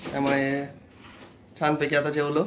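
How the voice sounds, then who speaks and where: A young man co-hosting a family vlog at home, telling viewers a story in a relaxed, chatty way. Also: on the high side, normal speed, slight background noise. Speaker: vlog co-host. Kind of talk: casual home vlog chat.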